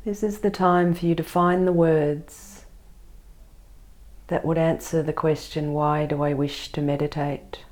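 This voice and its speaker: A woman leading a guided meditation and body scan in a soft, soothing, gentle voice, speaking in short, spaced phrases. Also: low-pitched, flat delivery, measured pace.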